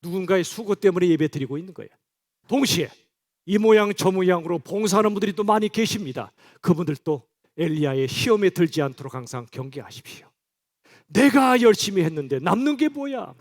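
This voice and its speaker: A man's voice: sits high, quick pace, a little mellow. A male pastor preaching a sermon in church, speaking directly and conversationally to his congregation.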